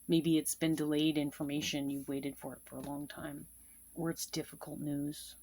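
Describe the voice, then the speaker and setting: Woman, lower voice, casual card-reading teacher, repeats points, loose and chatty. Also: little pitch movement, moderate pace, darkish tone, slight background noise. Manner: repeats key meanings, with fillers and asides. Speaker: tarot and Lenormand card reader teaching. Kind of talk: casual instructional explanation.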